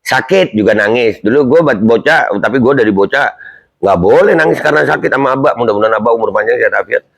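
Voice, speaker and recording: A man's voice: mid-range voice, quick pace, gravelly. A man, hosting a casual news commentary channel, who reads the news aloud and answers his own rhetorical questions. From Indonesia.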